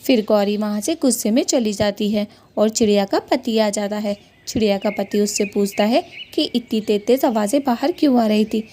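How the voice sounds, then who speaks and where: A woman's voice: mid-range voice, moderate pace, hardly any pauses, dark tone, slight background noise. A woman narrating a cartoon story in a plain storytelling manner.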